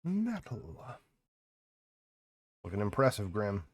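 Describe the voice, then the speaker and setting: A man's voice: lowish voice, wildly swooping pitch, slow, dry recording. A man chatting casually on a live stream, rambling and exclaiming to his viewers.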